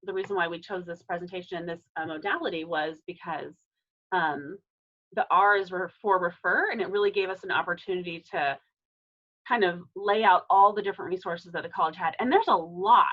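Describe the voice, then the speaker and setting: A woman's voice: lowish voice, a little fast, muffled recording. A woman presenting a staff training on a video call in a casual way, with many fillers and restarts.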